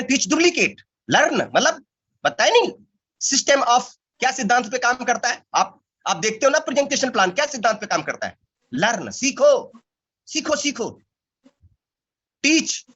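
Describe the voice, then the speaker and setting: A man's voice: very high-pitched, bright, forceful tone, lo-fi sound. A man giving an emphatic motivational training talk to a network marketing team. He repeats key words and keeps firing rhetorical questions.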